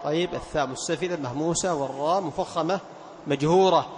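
A man teaching a class on Quran recitation rules, stretching out example words slowly and quizzing his students with questions. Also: a little high, darkish tone.

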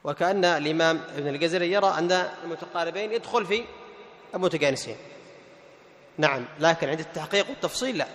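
A male Quran teacher explaining tajweed rules to a class. He asks questions, answers them himself, repeats the key terms and slows down to recite the verse examples. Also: fairly high pitch, fairly bright tone. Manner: recites verses slowly and melodically. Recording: long hall reverb.

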